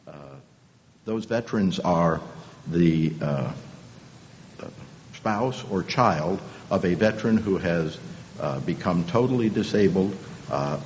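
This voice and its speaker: A man arguing formally as a lawyer before a court, deliberate and halting with frequent hesitations. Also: darkish tone. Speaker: appellant's lawyer. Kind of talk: formal oral argument to a court. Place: large conference hall. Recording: reverberant hall, faint rumble.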